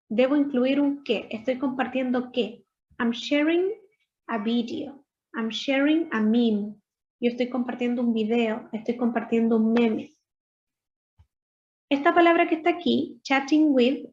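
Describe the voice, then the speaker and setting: High-voiced woman teacher, muffled recording. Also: darkish tone. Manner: patient, step-by-step explaining, models English words slowly. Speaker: English teacher. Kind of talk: recorded online lesson explaining grammar and pronunciation. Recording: dull lo-fi voice recording.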